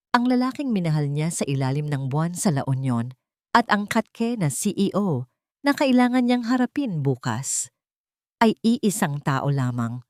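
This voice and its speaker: A woman storyteller with a fairly low, slightly mellow voice reads a scripted audio drama, her delivery emotive and suspenseful with wide melodic movement. The sound is dry and close, without room or echo.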